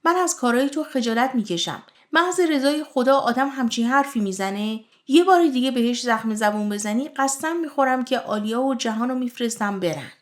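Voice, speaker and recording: A woman's voice: fairly high pitch, natural voice. A woman voicing a devoted, earnest young husband in a solemn manner. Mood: stern.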